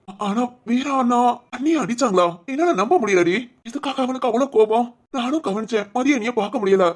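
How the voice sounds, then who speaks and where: A man voicing a young husband in an animated family story, who nags with quick questions and then coaxes gently. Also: very high voice. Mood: comforting. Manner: quick, bossy questioning that turns coaxing.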